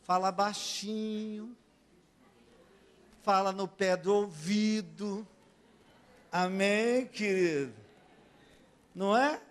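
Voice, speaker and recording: A male pastor from Brazil preaching a sermon in a church. He keeps asking the congregation for amens and swings between soft and loud. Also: high-pitched, drawn-out words, long pauses.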